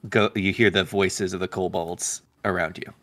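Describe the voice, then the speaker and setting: A man's voice: low-pitched, level tone, normal speed, a bit bright. A man playing a tabletop game, casually narrating what his character does. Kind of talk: casual role-play narration.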